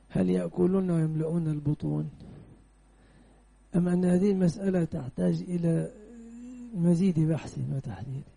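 Gravelly, dark-voiced Egyptian sheikh. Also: male voice, a little high. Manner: conversational, mixes colloquial and classical speech. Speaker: sheikh teaching a hadith class. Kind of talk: lecture with questions to students.

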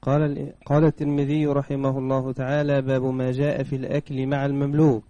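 Male student reader, dark and monotone, dry close sound, formal recitation. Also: mid-range voice, no echo, lo-fi sound. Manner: measured, even recitation. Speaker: student reading hadith texts aloud. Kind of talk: formal text reading.

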